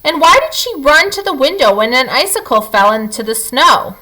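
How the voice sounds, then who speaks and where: In a rough recording, a high-pitched woman reads from a children's picture book at a moderate pace. She performs as a storyteller, dramatizing the words with lively emphasis for small children.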